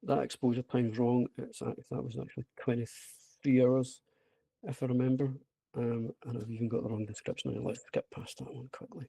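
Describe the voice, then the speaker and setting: Over a remote video call with screen share, an app creator with a broad Scottish accent presents informally, hesitant and self-deprecating yet enthusiastic. His mid-range, warm voice has vocal fry and little pitch movement, moves at a moderate pace, and is recorded dry.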